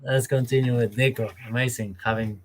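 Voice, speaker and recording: A man's voice: mid-range voice, steady tone, fairly quick. A man from Argentina co-hosting a podcast in casual chat, friendly as he reads out viewer comments. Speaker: podcast co-host.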